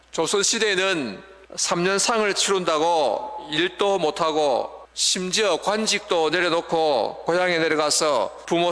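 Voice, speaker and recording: A man's voice: fairly high pitch, bright, forceful tone. Older male preacher in a reverberant church. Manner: earnest preaching, acting out wailing mourners. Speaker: pastor. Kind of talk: sermon. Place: church sanctuary. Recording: long church hall reverb.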